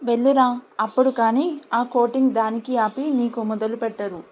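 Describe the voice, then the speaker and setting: A woman's voice: a little high, steady tone, moderate pace, darkish tone, slight background noise, close to an everyday voice. A woman voicing a bossy young man who scolds his friend, on a dull lo-fi recording. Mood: scolding. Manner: teasing, scolding.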